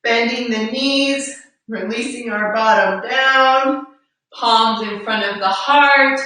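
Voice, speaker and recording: Woman yoga instructor, high voice, unhurried, slightly breathless, distant mic, echoey room. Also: sharp tone. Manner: encouraging, guiding breath cues. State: a little out of breath. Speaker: yoga teacher. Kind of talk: live yoga class instruction. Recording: roomy echo, distant mic.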